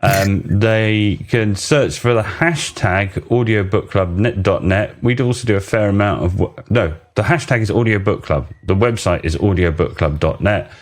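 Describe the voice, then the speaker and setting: A man co-hosting a podcast, talking in a rambling, excitable way with frequent laughs. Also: on the low side, moderate pace, hardly any pauses. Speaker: podcast co-host. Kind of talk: casual podcast chat.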